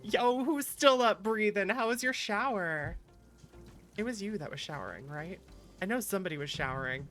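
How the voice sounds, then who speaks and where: A woman virtual YouTuber streams with background music, her mid-range, a bit bright voice full of lively intonation at a moderate pace. She chats casually and playfully with viewers, teasing them and reacting animatedly to chat.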